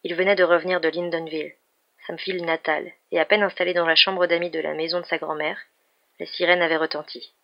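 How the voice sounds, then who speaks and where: Female novel reader, steady, monotone and gravelly delivery, dull lo-fi recording. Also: lowish voice, fast. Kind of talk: audiobook reading of a novel.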